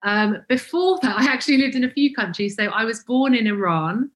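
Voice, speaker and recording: A woman in her 40s from Cambridgeshire, England, founder of a vegan brand, is a guest in a reflective interview. Her voice is a little high and brisk with lively intonation. She comes across as self-deprecating and hesitant, with many ums and restarts.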